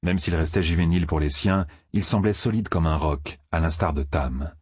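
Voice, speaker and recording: A man narrates a fantasy audiobook with steady, measured delivery. His voice is extremely deep and husky. The recording is close and dry. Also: no room sound.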